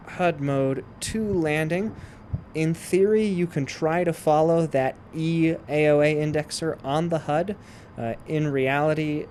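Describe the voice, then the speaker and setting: A man's voice: fairly high pitch, darkish tone, a little hiss or hum. A man giving casual, step-by-step instructional commentary while he plays a flight simulator. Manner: explains step by step while playing. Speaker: flight sim tutorial presenter.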